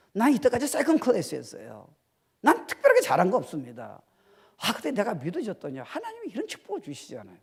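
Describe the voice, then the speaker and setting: A middle-aged man preaching a sermon as pastor, swinging from loud, emphatic exhortation to quiet, confiding asides. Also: high-pitched, creaky, slightly rough. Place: church sanctuary.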